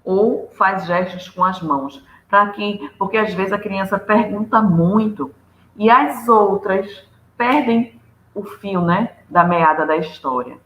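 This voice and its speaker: A woman delivers a lecture on telling stories to children, walking through tips one by one with examples. Her voice sits at a middle pitch and carries a noticeable echo from the room. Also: takes it slowly, muffled recording, a little hiss or hum. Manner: didactic, listing tips with examples. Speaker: lecturer on storytelling.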